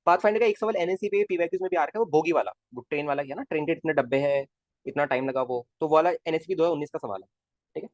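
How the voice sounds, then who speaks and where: A man's voice: fairly high pitch, very fast, darkish tone, no echo. A male physics teacher in a casual live class, coaxing his students with constant questions and calling them kids. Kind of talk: live online class lecture.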